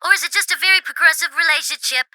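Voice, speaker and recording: A woman's voice: extremely high pitch, very fast, sharp tone, no echo, exaggerated voice. A woman playing a brazen, lovestruck radio caller with a sassy, confiding manner in a comedy audio drama. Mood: sassy, smitten.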